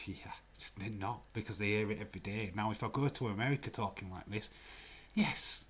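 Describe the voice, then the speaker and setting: This man from Yorkshire speaks on the low side at a moderate pace, with a breathy edge to his voice. Hosting his live stream, he keeps things casual, ribbing his chat, laughing a lot and now and then sinking to a near whisper.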